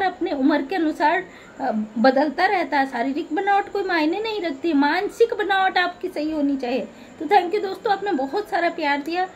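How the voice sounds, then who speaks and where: Very high-voiced woman preaching to camera. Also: slight background noise. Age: middle-aged. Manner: preachy, pleading, scolding. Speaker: social media vlogger. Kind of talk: earnest direct-to-camera appeal.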